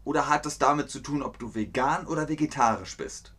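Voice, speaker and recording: Teaching idioms, this German teacher speaks slowly and clearly in a medium-pitched, somewhat bright voice. He repeats the phrases and plays out small scenes using silly put-on voices.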